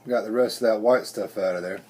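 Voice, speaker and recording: Folksy low-voiced man. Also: fairly quick, very noisy. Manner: rambling, folksy, self-correcting. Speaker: bushcraft vlogger. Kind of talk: casual workshop vlog.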